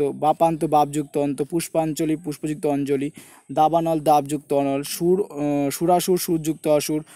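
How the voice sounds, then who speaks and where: Male exam tutor, West Bengal Bengali accent, high, soft-toned voice, slows down to drill each word split. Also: no echo. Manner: repetitive coaching, keeps saying look and notice. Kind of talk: online lesson with screen walkthrough.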